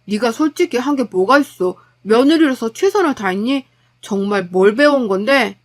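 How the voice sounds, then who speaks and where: A woman's voice: on the high side, expressive, normal speed. A woman voicing a blunt, irritable young husband who talks in an exasperated, reproachful way.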